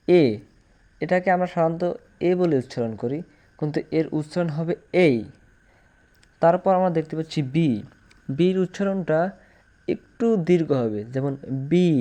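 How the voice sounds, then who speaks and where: A man's voice: fairly high pitch, mellow. Man teaching with patient repetition. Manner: repeats each point slowly and firmly. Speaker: English teacher. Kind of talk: explanatory language lesson.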